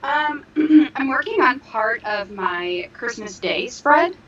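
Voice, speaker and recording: A crafter co-hosting a casual livestream chats in an easygoing way with soft laughs. Her fairly high voice is expressive and slow, coming through echoey and dull over a remote call, and viewers reported the echo.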